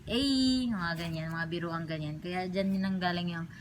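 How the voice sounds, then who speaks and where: A young woman from the Philippines whose first language is Cebuano, chatting playfully in a vlog with a deep voice for a woman. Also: moderate pace, noisy background. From Cagayan de Oro, Philippines. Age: young adult. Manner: chatty and playful, mixing Tagalog and English. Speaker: vlogger. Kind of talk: casual vlog chat.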